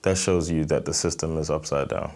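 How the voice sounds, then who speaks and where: Deep-voiced American man, halting and earnest. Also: fairly even intonation, darkish tone. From Miami, Florida, USA. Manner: thoughtful, halting, many fillers and restarts. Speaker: stand-up comedian, interview guest. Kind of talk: earnest interview answers.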